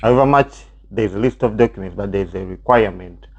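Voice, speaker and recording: A man leads a relaxed talk as co-host, dropping "uh" fillers and throwing questions to his partner. His voice sits somewhat low and sounds dull and lo-fi. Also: brisk, gravelly. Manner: chatty, frequent "uh" fillers, prompts his partner. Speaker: channel co-host. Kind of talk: casual chat about visa steps.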